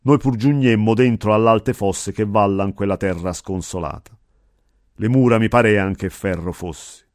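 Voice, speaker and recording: Low-voiced man reciting epic verse. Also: darkish tone, no echo, studio quality. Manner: measured, solemn reading. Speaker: reader.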